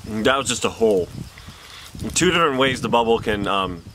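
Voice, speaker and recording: Low-voiced man talking while chewing gum. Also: lively intonation, moderate pace, background noise. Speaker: vlogger. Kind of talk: casual solo vlog.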